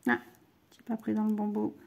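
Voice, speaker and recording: A woman's voice: medium pitch, expressive, normal speed, vocal fry, a little mellow. A middle-aged woman hosting a crochet tutorial, chatting with viewers as she works. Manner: chatty, talks to viewers while working. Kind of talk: crochet doll-clothes tutorial.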